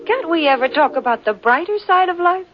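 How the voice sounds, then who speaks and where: A bubbly old-time radio announcer. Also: female voice, very high-pitched, lively intonation, brisk, soft background music. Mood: cheery. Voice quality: bubbly, lilting sales delivery. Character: cheerful woman announcer pitching tea on air. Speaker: radio show announcer reading an ad. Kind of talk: 1940s radio advertisement. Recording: muffled old radio broadcast.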